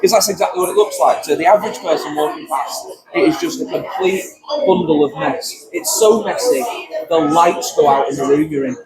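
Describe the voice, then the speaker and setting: A man's voice: on the high side, brisk, over a noisy crowd, rough recording. A man hosting a vlog at a trade fair, talking bluntly and joking, with plenty of swearing. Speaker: vlog host interviewing magic dealers. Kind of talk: casual chat.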